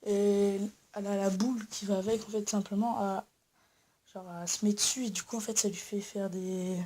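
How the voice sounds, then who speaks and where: A woman's voice: mid-range voice, little pitch movement, normal speed, warm tone, a little hiss or hum. A young woman filming a casual home-tour vlog, rambling with many fillers and restarts while she is sick. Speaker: YouTuber. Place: at home indoors.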